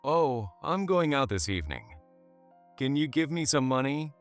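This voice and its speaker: A man's voice: mid-range voice, sing-song, moderate pace, a bit bright, clean tone, soft background music. A man voicing an offhand, demanding young husband who freeloads off his wife, in a storybook narration.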